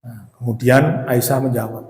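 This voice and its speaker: A man's voice: mid-range voice, steady tone, normal speed, darkish tone. A man giving a conversational sermon as ustadz to a mosque congregation, often calling them Pak and asking them questions. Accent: Indonesian from West Java. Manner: acts out quoted voices. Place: mosque hall. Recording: echoey mosque hall with long reverb.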